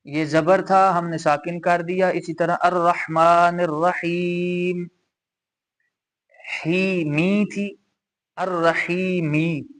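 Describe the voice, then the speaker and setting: Slow, patient man teaching recitation rules. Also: on the high side. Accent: Pakistani Urdu. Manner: patient, repeats rules step by step, recites examples slowly. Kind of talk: slow explanatory lesson.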